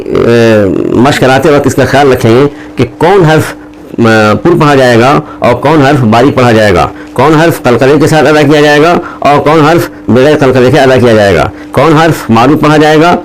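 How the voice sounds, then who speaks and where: A man teaching a recorded lesson, explaining with slow and careful delivery. He draws out the letters when he recites them. Faint background noise sits behind his voice. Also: fairly high pitch, poor audio. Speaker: Quran teacher.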